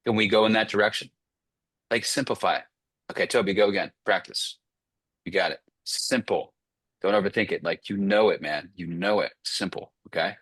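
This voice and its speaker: A man's voice: on the low side, normal speed, a bit bright, breathy edge, no room sound. A man coaching sales closers on a group video call, blunt and profane, firing off short commands.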